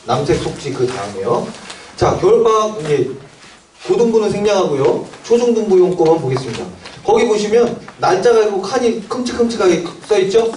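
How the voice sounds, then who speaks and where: A man with a fairly high, mellow voice gives a quick seminar lecture to academy owners. He keeps asking questions and answering them himself. He is recorded from a distance in an echoey room. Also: lively intonation, slight background noise.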